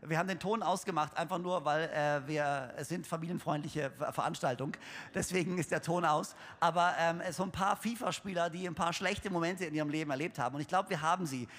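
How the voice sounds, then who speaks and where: In a church hall with long reverb, a young pastor jokes his way through a lighthearted sermon, talking casually and often restarting or using fillers. His voice is a little high and a bit bright, and his pace is a little fast.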